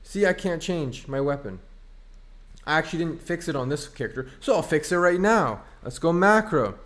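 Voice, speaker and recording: A man's voice: a little high, lively intonation, moderate pace, fairly bright tone. A man giving casual gameplay commentary as a streamer, ranting in an exasperated, sarcastic way. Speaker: online game streamer.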